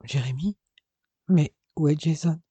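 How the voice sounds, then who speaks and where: A man's voice: a little high, unhurried, mellow, husky, dry recording. A man voicing a frantic, anguished young woman questioning her lover's brother, in an audiobook.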